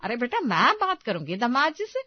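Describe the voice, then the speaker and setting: A woman's voice: fairly high pitch, wildly swooping pitch, moderate pace, dry recording, dull audio, pitched above the performer's own voice. A woman doing a bossy, scolding mother. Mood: stern. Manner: stern, scolding tone. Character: middle-aged mother, bossy and protective.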